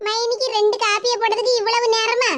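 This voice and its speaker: A woman voicing an argumentative, defensive grown daughter in a cartoon, in a high, squeaky voice. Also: flat delivery, fast talker, a bit bright, a little hiss or hum. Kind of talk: cartoon voice acting.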